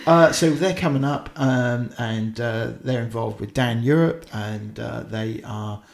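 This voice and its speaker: A man's voice: medium pitch, unhurried, vocal fry. Man, Norfolk accent, podcast co-host, casual rambling chat, lots of fillers. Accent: Norfolk English. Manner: chatty, rambling with many ums and uhs.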